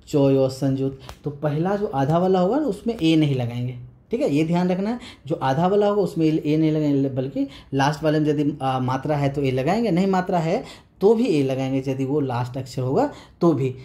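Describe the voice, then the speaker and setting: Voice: medium pitch, animated, moderate pace, dark tone. A teacher explaining a lesson patiently. They repeat points, check in often with the class, and hesitate and restart a lot. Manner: patient, repetitive, checks in with "right?"; hesitant with many fillers and restarts.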